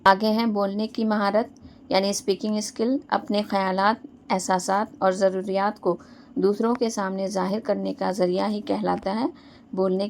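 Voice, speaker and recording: A woman's voice: medium pitch, creaky, a little mellow, slight background noise. A woman teaching an exam-prep lecture, asking herself questions and answering them, with a frequent "hai na" tag.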